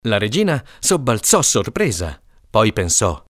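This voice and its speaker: A man narrating a comic folk tale in an animated storytelling manner. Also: fairly low pitch, measured pace, no echo, studio quality. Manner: lively, animated storytelling with character voices.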